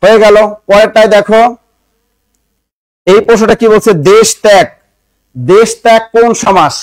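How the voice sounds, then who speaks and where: High-voiced male teacher drilling a class. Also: normal speed, no room sound, rough recording. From Bangladesh. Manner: drills the class with repeated questions, spells words out syllable by syllable. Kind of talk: classroom exam-prep lesson.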